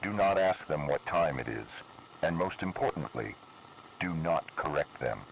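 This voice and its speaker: Over a lo-fi radio broadcast with faint background noise, a male actor plays a menacing announcer with an extremely low, gravelly voice reading an analog horror emergency alert. The delivery is grave, deliberate, and cryptic, yet exaggerated with lively intonation.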